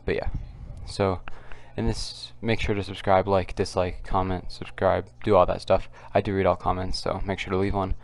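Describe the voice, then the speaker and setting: Quiet, low-voiced man with creaky fry. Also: level tone, moderate pace, hardly any pauses. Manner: kept quiet, subdued because others are nearby. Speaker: political commentary video host. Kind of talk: casual unscripted commentary. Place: at home, others nearby.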